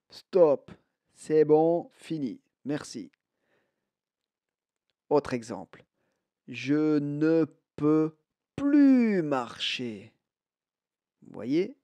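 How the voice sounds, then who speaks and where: Male language teacher running slow repeat-after-me drills, mellow voice, dry close sound. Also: fairly high pitch. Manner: repeats each sentence slowly for learners to echo. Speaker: French teacher.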